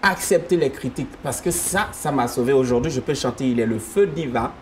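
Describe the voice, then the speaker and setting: A singer whose first language is Yakuba, chatting in an interview and telling stories with a laugh. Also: male voice, medium pitch, fairly quick, a little hiss or hum. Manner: animated storytelling, laughing often. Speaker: gospel singer. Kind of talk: casual interview chat.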